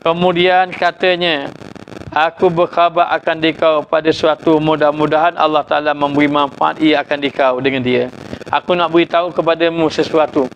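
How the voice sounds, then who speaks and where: A man's voice: a little high, level tone, normal speed, dull audio, slight background noise. A man with a Malaysian accent giving a religious lecture as a teacher, explaining each point by repeating it and dropping in frequent "ha" interjections. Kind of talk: religious lecture on a classical text.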